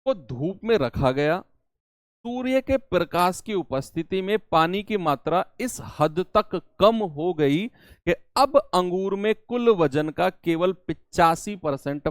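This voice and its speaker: A man's voice: high-pitched, dry recording, clean studio sound. A man teaching a math lesson, explaining problems step by step and asking his students questions as he goes.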